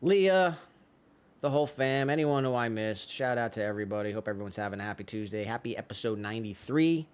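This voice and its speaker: Easygoing man doing stream shout-outs. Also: medium pitch, animated, smooth. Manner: easygoing, chatty, drawn-out fillers. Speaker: livestream co-host. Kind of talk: casual chat and chat shout-outs. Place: pottery studio.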